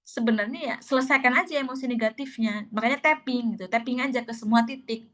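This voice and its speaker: A woman's voice: a little high, quick pace, a bit bright. A woman teaching a class in a casual, chatty and emphatic way, repeating her points. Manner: chatty and emphatic, repeats herself, many fillers. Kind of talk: casual spoken lesson.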